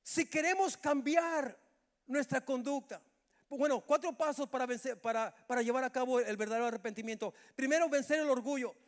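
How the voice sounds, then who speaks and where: A man's voice: extremely high pitch, a little fast. A middle-aged male pastor, preaching a Bible study sermon and calling out often to the brothers in the congregation. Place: church hall. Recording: reverberant church hall.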